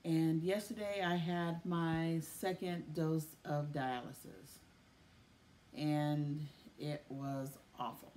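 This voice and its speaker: Tired, low-voiced woman vlogging. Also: fairly even intonation, a little mellow, slight background noise. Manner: weary, emotional, halting with many pauses. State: tired and tearful. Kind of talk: casual personal video diary.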